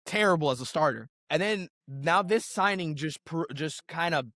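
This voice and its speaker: A man co-hosting a casual sports podcast, ranting in an animated, excitable way. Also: fairly high pitch, normal speed, no echo, clean studio sound. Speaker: podcast co-host.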